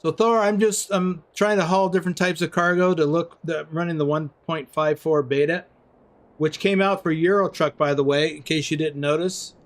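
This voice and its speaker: An older man with a slightly raised voice, talking in a relaxed, chatty way during a live game stream. He greets viewers by name and answers their comments as he plays, easygoing and unhurried. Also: a little high. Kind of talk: casual live-stream commentary while playing.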